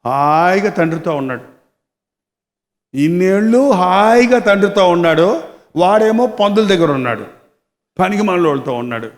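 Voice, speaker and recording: Animated high-voiced man preaching in a hall. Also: moderate pace, pauses often. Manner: animated storytelling, rhetorical questions to the congregation. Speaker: pastor. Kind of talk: Telugu sermon.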